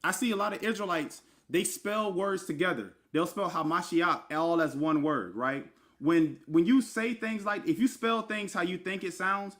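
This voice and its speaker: Fairly high-pitched and a bit bright, a man teaches the meaning of scripture words in a casual online class using screen share. As a religious teacher, he spells each word letter by letter. He talks informally to the listener, whom he calls brother, with plenty of fillers and asides.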